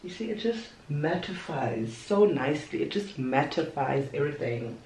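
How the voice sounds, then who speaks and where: Her low-pitched voice has lively intonation and a darkish tone, at a moderate pace. She's a young beauty vlogger chatting casually at her bedroom vanity, playful and full of asides while putting on makeup. The desk camera sits a little away, leaving her far from the mic and slightly off-mic, with roomy echo and slight background noise.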